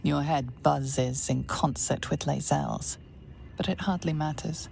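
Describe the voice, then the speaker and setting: An actress playing a solemn, intimate storyteller, narrating a dark fantasy video game in the second person. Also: female voice, deep voice, takes it slowly, vocal fry, a little hiss or hum, heavily acted. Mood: hushed, knowing.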